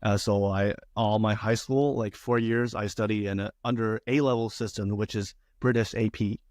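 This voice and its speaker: A young man from China speaking as a podcast guest, his voice sitting fairly low. He talks earnestly and stops and restarts often, and the sound is dry and close. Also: steady tone, a little mellow, no echo. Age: young adult. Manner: halting, many fillers and restarts, earnest. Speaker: guest, theater student. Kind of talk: casual podcast interview.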